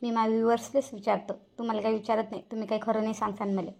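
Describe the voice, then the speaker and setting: A touchy, scolding elderly village woman from a cartoon comedy, voiced by a woman. She talks high and fast. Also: little pitch movement, gravelly, darkish tone. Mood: chatty. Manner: indignant, scolding. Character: touchy elderly village woman Shantabai, proud of her dress. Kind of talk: cartoon voice acting.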